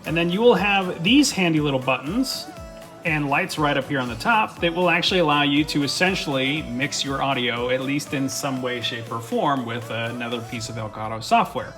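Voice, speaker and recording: A man's voice: mid-range voice, moderate pace, a bit bright, soft background music. A young man and streamer giving a casual, enthusiastic tour of his home desk setup, swearing now and then as he rambles through his gear, recorded on a studio mic. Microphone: studio USB/XLR dynamic mic.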